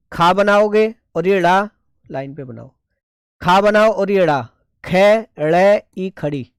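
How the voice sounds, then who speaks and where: A man's voice: high-pitched, smooth, dry recording, clean studio sound. A man teaching a shorthand class, explaining each stroke step by step and checking in often. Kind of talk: online class lesson.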